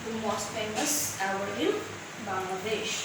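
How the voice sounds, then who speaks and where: A woman's voice: mid-range voice, moderate pace. A woman teacher with a Bengali accent and Bengali as her native language, giving an English lesson, reading aloud and explaining word by word with questions and repeated key words. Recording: very echoey room, distant mic, loud noise.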